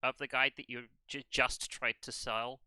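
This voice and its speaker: Bright, crisp-voiced man running a tabletop game. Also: mid-range voice, little pitch movement, no echo. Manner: halting, hesitant narration with many ums. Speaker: game master.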